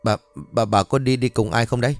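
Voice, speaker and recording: A man voicing a big, short-tempered tattooed man who scolds gruffly and fast. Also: mid-range voice, animated, darkish tone, no echo, soft background music, lightly acted. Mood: shaken.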